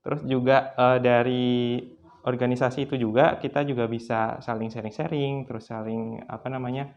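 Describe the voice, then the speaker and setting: A twenty-one-year-old man, a student guest, speaking thoughtfully with pauses and fillers. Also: medium pitch, flat delivery, a little mellow, dull audio. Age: young adult.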